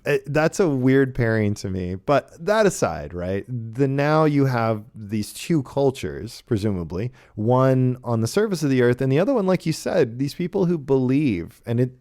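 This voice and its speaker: A podcast host leads a casual discussion of old radio shows, thinking aloud with hesitations and often checking in with "right." His medium-pitched voice is very animated, measured in pace, and darkish in tone. The sound is clean studio audio with no echo.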